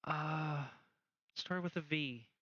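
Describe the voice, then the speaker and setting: A man's voice: a little high, slow pace, sharp tone, no echo, lo-fi sound, exaggerated voice. Man doing a timid little ghost girl. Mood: wistful. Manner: hesitant, stammering, pleading. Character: small lost ghost girl trapped in a book.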